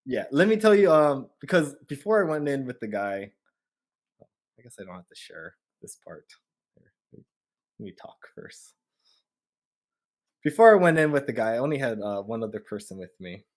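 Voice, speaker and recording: A podcast host from Hawaii tells a story casually in slangy speech, his medium-pitched voice moving at a moderate pace with frequent pauses. He's an animated storyteller, acting out what was going through his head.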